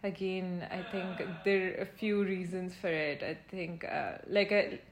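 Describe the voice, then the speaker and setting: With a fairly low, steady voice and a measured pace, a twenty-something woman from Pakistan chats informally as an interviewee, laughing easily and leaning on fillers. The room is echoey, with faint ambient noise in the background.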